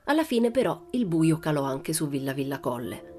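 A woman reads a children's story in a lively, expressive narrating voice, pitched a little low. Faint music sits quietly beneath her. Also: moderate pace. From Italy. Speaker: audiobook reader. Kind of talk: scripted narration.

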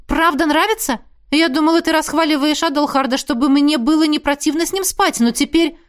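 A woman's voice: high voice, pitched above the performer's own voice, lightly acted. A woman voicing a pushy, jealous young witch. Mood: prying. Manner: indignant, prying, quick to raise her voice. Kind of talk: audiobook character voice.

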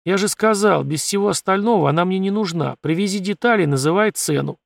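A man voicing a calm, firm male leader of a valley who speaks bluntly. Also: sits high, fairly quick, gravelly, no echo, pitched above the performer's own voice.

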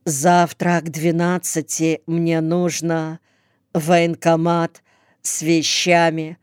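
Tearful impulsive young woman, hushed pleading voice, slow and even, smooth and dry, read by a woman in an audiobook. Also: low voice, no room sound.

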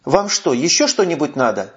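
A man voicing a sharp-tongued, scornful young woman with a mocking, cutting manner, on a muffled recording. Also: on the high side, sing-song, moderate pace. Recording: muffled lo-fi audio.

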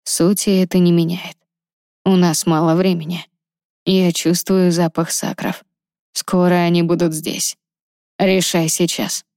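A woman voicing an ancient, noble male dragon, speaking slowly and low with a velvety, softly raspy voice, recorded dry and close. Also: little pitch movement, dry recording, close to an everyday voice. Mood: urgent. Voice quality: velvety voice with a soft rasp. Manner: slow, low and measured.

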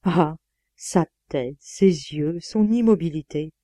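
Expressive woman reading a novel. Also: deep voice, slow pace, no room sound, studio quality. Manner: lively, exclamatory storytelling. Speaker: audiobook reader.

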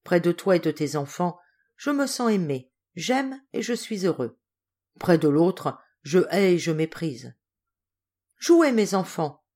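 A woman's voice: low voice, darkish tone. A woman voicing a stern, irascible old male general in a storybook reading, speaking harshly. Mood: emotional. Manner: harsh, scolding.

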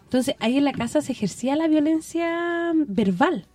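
A middle-aged Chilean woman telling stories on community radio in a casual, animated way, acting out the voices of the people she quotes. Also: high-pitched, normal speed, no echo, soft background music. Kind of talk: casual conversational storytelling.

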